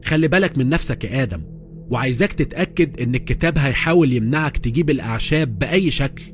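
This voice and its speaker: A woman's voice: extremely low pitch, expressive, quick pace, faint music behind. A man voicing a worried young woman who is an expert in magic, with an Egyptian accent. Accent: Egyptian Arabic.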